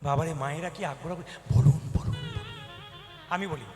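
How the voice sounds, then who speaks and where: A fairly high-pitched man delivers a devotional kirtan sermon, animated and exhorting the crowd. He speaks into a stage mic, and the hall adds a long, roomy echo. Faint music sits behind him. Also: normal speed. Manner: animated, exhorting, rising to loud exclamations. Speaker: kirtan preacher.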